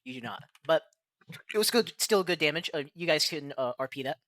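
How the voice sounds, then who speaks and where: A man's voice: fairly high pitch, lively intonation, a bit bright, dry recording. Casual game master man, dry sound. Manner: casual, halting, clears his throat often. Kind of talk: running a tabletop game.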